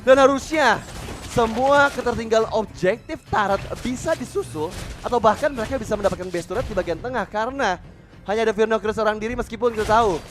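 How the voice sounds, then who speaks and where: A man with an Indonesian accent doing excited live esports play-by-play like a fighting game announcer, rising to shouts at the peaks. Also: high-pitched, fast. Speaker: esports match commentator. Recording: music behind the voice.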